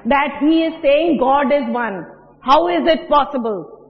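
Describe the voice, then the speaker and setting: Slow, high-voiced Indian English teacher. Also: female voice, lively intonation, a crowd in the background. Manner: slow, patient, asks questions and repeats words. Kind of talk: classroom English lesson. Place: classroom. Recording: dull, lo-fi audio with long reverb.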